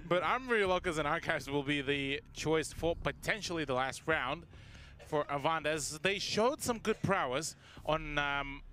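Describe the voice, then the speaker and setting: A man's voice: on the high side, bright, forceful tone. A man giving live esports commentary in a wordy, analytical way. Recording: faint background noise.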